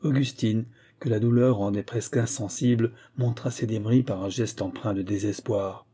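A man reading a classic novel aloud as an audiobook narrator, in a measured, grave way. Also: fairly low pitch, steady tone, warm tone, breathy edge. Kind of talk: scripted literary narration.

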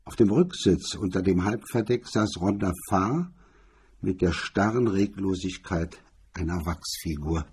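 Low-pitched and expressive, a man with a raspy, husky voice and a darkish tone serves as narrator for a hardboiled crime story, keeping his reading measured and literary.

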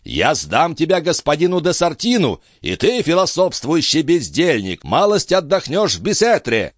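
A man's voice: medium pitch, very animated, normal speed, no echo, clean studio sound, pitched above the performer's own voice, natural voice. A man voicing an old, hot-tempered nobleman who roars in fury at a servant. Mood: raging. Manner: roaring, raging.

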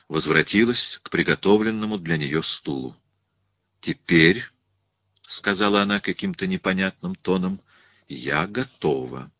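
A man with a very low voice narrates a story in a measured, grave manner. The sound is dry and close, with no room echo. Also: fairly bright tone, highs cut off. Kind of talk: story reading.

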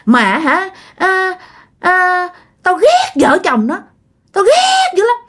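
A taunting ghost of a dead older man, bitter and jealous, as a woman storyteller puts him on. The voice is pushed high above her own and rises and falls widely. It comes out loud and menacing, like a spirit shouting through the living. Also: huge pitch swings, slow, full character voice. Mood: spiteful.

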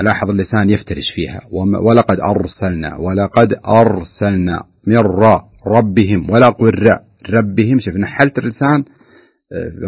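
A man's voice: lowish voice, creaky, husky, no room sound. A man teaching Quran recitation on a radio program, patiently demonstrating sounds with frequent hesitations, on a dull lo-fi recording. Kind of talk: explaining recitation rules on radio.

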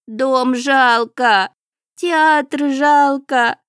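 Storybook house spirit, woman reader: little man, wailing and scolding, high-pitched, dry sound. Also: animated, unhurried, no room sound. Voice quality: high, shrill and loud. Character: small wailing male house spirit, self-pitying.

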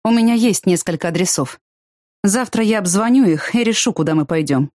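A woman reading the lines of a blunt, bitter young man of twenty in an audiobook, in a flat, matter-of-fact way. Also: medium pitch, fairly quick, no room sound, clean studio sound, close to an everyday voice. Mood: subdued.

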